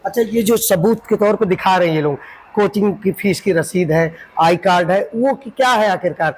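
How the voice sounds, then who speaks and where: Male interviewer, high-pitched, probing with slight hesitation; faint background noise. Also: moderate pace, rough recording. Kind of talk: interview questions.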